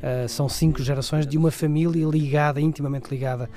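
Mellow-voiced Portuguese man reviewing films. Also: on the high side, fairly even intonation, quick pace. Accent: European Portuguese. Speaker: film critic. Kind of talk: conversational radio film review.

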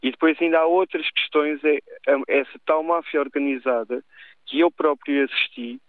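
A man with a European Portuguese accent calling a radio show, giving his views in a halting, stammering but insistent way. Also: on the high side, steady tone, dry recording. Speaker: caller. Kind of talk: radio call-in opinion. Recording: tinny phone line.

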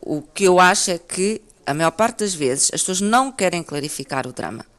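A woman's voice: on the low side, normal speed. Assertive woman with European Portuguese accent. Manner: assertive, animated, many restarts. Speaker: panel guest. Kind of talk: casual panel discussion.

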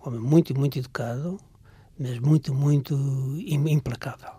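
An older man with a European Portuguese accent, a writer and journalist reminiscing as a guest in a radio interview, halting and breaking off words, sometimes dropping to a near whisper. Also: medium pitch, mellow, breathy edge, no echo.

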